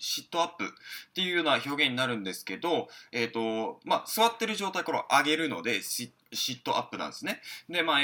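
A man's voice: mid-range voice, sharp tone. A young man teaching an English lesson in casual spoken style, chatty with many fillers.

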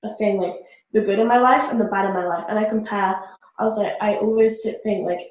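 A woman's voice: medium pitch, brisk, a little hiss or hum. A young woman from Britain, answering interview questions in an earnest, upbeat way with many "like" fillers. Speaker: guest, social media creator. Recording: roomy, dull lo-fi sound.

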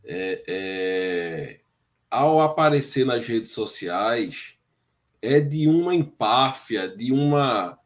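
A man's voice: medium pitch, expressive, drawn-out words. A man, commenting on a fan football debate show, hesitant and searching for words, sharply critical.

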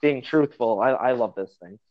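A man's voice: medium pitch, expressive, moderate pace. An American man chatting casually in a blunt, enthusiastic and emphatic way. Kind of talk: casual chat. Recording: dull lo-fi app call audio.

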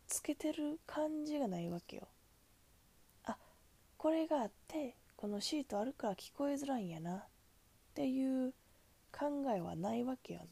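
A woman's voice: fairly high pitch, creaky, dark tone, husky. A woman with a Kansai accent, a cashier, venting in a chatty, exasperated way about customers at the register. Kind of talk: casual venting monologue.

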